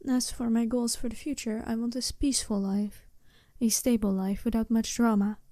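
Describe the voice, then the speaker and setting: In a soft-spoken ASMR roleplay, a woman voices a smooth, seductive werewolf bride who sounds courteous and curious. Her fairly high but mellow voice barely shifts in pitch as she uses polite, formal, businesslike wording at a measured pace. The recording is dry and close with no room sound, and the acting is light.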